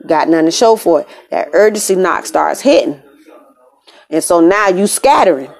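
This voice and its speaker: Her mid-range voice carries a darkish tone as this American woman hosts a podcast from an apartment room. She offers a relaxed motivational monologue in a conversational, emphatic manner, often saying phrases again for emphasis.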